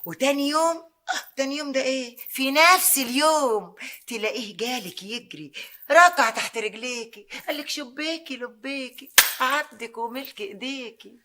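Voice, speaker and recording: A woman's voice: sits high, moderate pace, pushed and bright, slight background noise. An actress with an Egyptian Arabic accent playing a scheming folk-magic woman who talks in a theatrical, cajoling way in a TV drama. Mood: cajoling, sly. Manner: theatrical, cajoling, invokes spirits. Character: scheming folk-magic woman, middle-aged female fixer. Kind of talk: TV drama acting.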